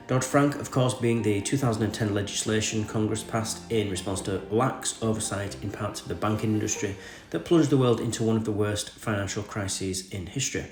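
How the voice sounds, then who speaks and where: Male host, English accent, groggy with a head cold, mid-pitched, news commentary in an echoey room over music. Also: a little mellow. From England. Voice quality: slightly groggy, congested from a cold. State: sore throat from a cold. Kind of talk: reading an article aloud with off-the-cuff commentary.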